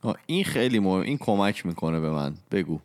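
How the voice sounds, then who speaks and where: A man's voice: low voice, no room sound. A man in a casual discussion, chiming in with short agreements and remarks. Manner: brief agreeing interjections, lively.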